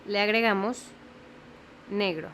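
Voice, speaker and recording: A woman's voice: mid-range voice, fairly even intonation, slow, a bit bright, a little hiss or hum. A young woman teaching a step-by-step watercolor lesson, patiently explaining and often checking in with the viewer. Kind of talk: step-by-step painting tutorial.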